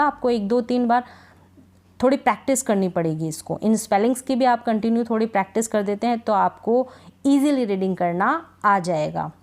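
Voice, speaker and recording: A woman with an ordinary mid-range voice teaches a phonics lesson in Hindi. She drills word after word at a slow, patient pace and keeps checking that her learners have followed. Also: mid-range voice, mellow. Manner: slow, repetitive drilling of words, frequent "thik hai" check-ins. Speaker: English reading teacher.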